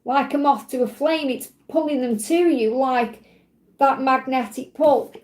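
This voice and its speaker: During a live tarot session for viewers, a woman talks a little slowly in a high-pitched, mildly mellow voice that's husky and tiring. She soothes and reassures, often pausing to ask "okay?"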